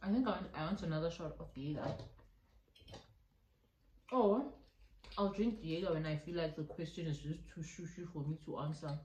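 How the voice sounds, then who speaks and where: South african girl in her twenties, chatty vlog q&a, lowish voice, echoey room. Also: normal speed, pauses often, darkish tone, slight background noise. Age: 20s. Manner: chatty, laughing, mixing in local phrases. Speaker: YouTuber. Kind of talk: casual mukbang Q&A chat. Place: indoor room at home.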